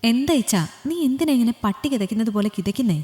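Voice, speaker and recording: A woman's voice: a little high, expressive, quick pace, dark tone, natural voice. A woman voicing a lovesick young male doctor, asking pleading, breathless questions. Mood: puzzled. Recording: long hall reverb.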